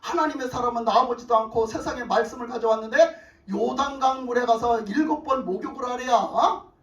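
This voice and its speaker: A woman's voice: on the high side, brisk, highs cut off. A woman pastor preaching a sermon emphatically, prodding the room with rhetorical questions. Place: church sanctuary. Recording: echoey church, distant mic.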